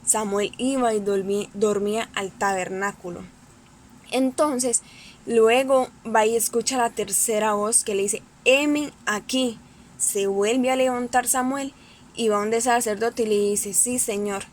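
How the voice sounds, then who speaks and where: A woman Sunday school teacher at home, telling a Bible lesson to children in a slow and repetitive way. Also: fairly high pitch, fairly even intonation, a little mellow, a little hiss or hum.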